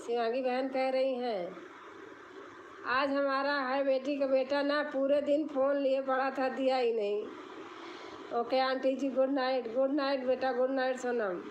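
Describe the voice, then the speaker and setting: A woman's voice: sits high, level tone, a little slow, a little hiss or hum, rough recording. A woman hosting a casual live stream, greeting viewers by name and reading their comments aloud. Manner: chatty, warm toward viewers, reads comments aloud.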